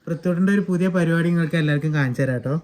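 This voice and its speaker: A man's voice: on the high side, rapid-fire, a crowd in the background. A man narrating a casual family vlog at home, chatty and teasing, talking straight to his viewers. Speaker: family vlogger.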